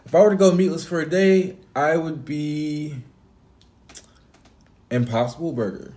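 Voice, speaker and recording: A man's voice: on the high side, measured pace, dark tone. A young man co-hosting a podcast in easygoing casual chat, swearing casually. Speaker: podcast co-host.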